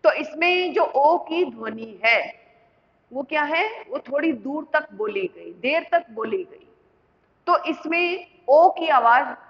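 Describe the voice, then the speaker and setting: High-voiced woman teaching slowly. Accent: Indian Hindi. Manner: repeats questions to the class and answers them herself. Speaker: school teacher. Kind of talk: slow classroom explanation. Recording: muffled lo-fi with long reverb.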